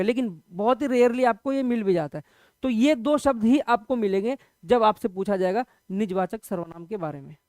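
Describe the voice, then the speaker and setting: In this conversational exam-preparation lecture on Hindi grammar, a man patiently explains, slowly repeats examples, and checks with his students after nearly each point. His extremely high voice has a darkish tone, with a dry, studio-quality recording.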